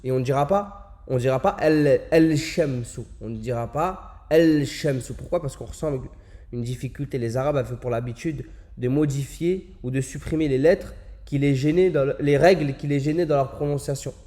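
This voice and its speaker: An Arabic teacher leads a lesson in a warm, mellow voice of ordinary middle pitch. He explains patiently, repeating example words and drawing them out slowly so every sound is clear.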